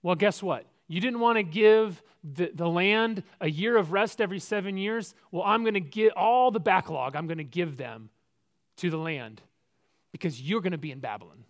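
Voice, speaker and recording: A man's voice: high voice, moderate pace. Man doing stern divine voice, scolding, sarcastic. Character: stern divine speaker, male, scolding a disobedient people.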